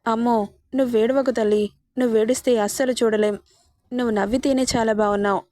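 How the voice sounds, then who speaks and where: A woman voicing a gentle, affectionate father-in-law who soothes and coaxes. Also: on the high side, steady tone, fairly quick, no room sound, clean studio sound, natural voice. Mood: doting. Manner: soothing, coaxing.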